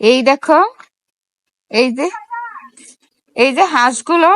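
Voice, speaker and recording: A mother filming her small child, talking in a gentle, coaxing way and asking many little questions. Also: high voice, slow, dry recording. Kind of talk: casual vlog talk to a small child.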